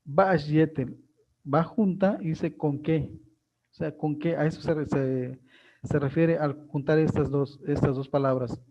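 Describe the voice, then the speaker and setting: A man teaching a live online class, talking through each point step by step with frequent fillers and restarts. His voice sits a bit high but has a dark, mellow color. The audio is dull and lo-fi. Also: steady tone, unhurried.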